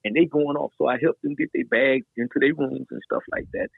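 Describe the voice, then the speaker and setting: A middle-aged man, a guest DJ, telling a story in a loose, animated way, full of slang and fillers. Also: mid-range voice, brisk, gravelly, breathy edge, dry recording. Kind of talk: casual storytelling in a podcast interview. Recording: dry, tinny phone-like sound.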